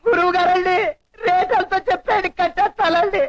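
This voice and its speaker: An actor playing a greedy, cowardly temple priest who talks in a whining, wheedling comic way, in a film comedy scene. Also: male voice, very high voice, steady tone, brisk, no echo. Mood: fawning. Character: scheming poor temple priest, middle-aged, greedy and cowardly. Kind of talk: 1980s film comedy acting.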